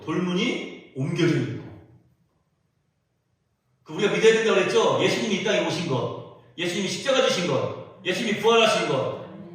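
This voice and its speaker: A male pastor delivering a sermon in a church, animated, acting out the voices he quotes. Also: sits high. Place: church sanctuary. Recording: echoey church from a distant mic.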